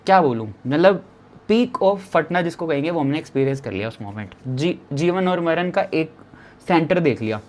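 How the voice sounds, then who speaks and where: A young man in his twenties tells his own travel story with lively, dramatic energy. His voice sits a little high for a man. He repeats lines for effect and keeps turning to the listener, over a faint background hiss. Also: normal speed. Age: 20s. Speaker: travel vlogger telling a story. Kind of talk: animated personal storytelling.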